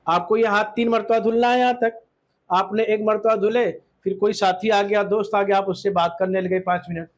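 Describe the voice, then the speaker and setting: A man's voice: high-pitched, steady tone. A man teaching Islamic law to a class, quizzing the students and often checking that they agree, with English words mixed in. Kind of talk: classroom lesson with questions to students.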